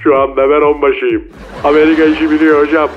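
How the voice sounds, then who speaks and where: A man's voice: on the high side, level tone, fast talker, faint music behind. A man voicing a cocky, slangy male mole cricket who speaks over a phone line in a comedy radio sketch. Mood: lecturing. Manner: slangy, boastful, taunting street talk. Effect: heard over a phone line.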